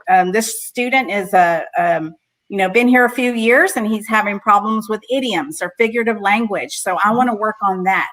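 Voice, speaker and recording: A woman's voice: mid-range voice, fairly bright tone, rough recording. A woman, an ESL teacher telling classroom stories on a conference panel. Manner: chatty storytelling, fillers.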